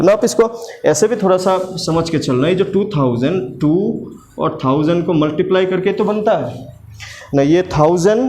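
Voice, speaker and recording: Patient male maths tutor, slightly high voice. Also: a little mellow, slight background noise. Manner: asks questions and answers them himself, repeating steps; mixes English maths terms into Hindi. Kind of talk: explaining a maths lesson.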